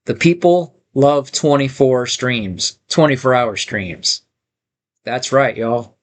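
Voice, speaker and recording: A man with a mid-range voice chats slowly and casually on a livestream. He's a streamer reading viewer comments aloud, rambling along with plenty of fillers and restarts.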